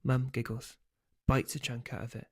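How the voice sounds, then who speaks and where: Man, author reading his novel aloud, steady narration, middle pitch. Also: moderate pace, breathy edge. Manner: steady storytelling, loose and hesitant when speaking offhand.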